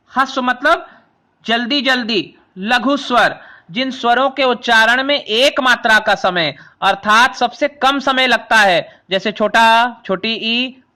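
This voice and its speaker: Male teacher, very high bright voice, patient and repetitive explainer, talks to kids. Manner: explains patiently, repeating and rephrasing terms; addresses students as children. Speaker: Hindi grammar teacher. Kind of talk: classroom lesson explaining vowels.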